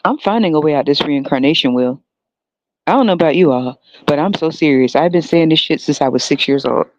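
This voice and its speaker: A man's voice: fairly high pitch, brisk, dry recording. A man hosting a solo podcast, talking in a heavily sarcastic, mocking way and often laughing. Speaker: podcast host. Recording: dull lo-fi dry recording.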